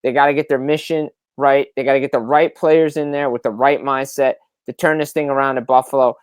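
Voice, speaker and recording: A man's voice: mid-range voice, fairly even intonation, fairly quick, clear, resonant tone, no echo. A man hosting a casual sports talk podcast who speaks emphatically and hammers his points home by repeating them. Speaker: podcast host.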